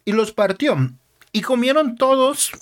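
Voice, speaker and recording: A man with a fairly high voice retells Bible stories in simple terms as a podcast host. He speaks earnestly and plainly, now and then catching and fixing a slip. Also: animated, measured pace. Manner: plain, earnest, with small self-corrections. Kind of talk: simple Bible story narration.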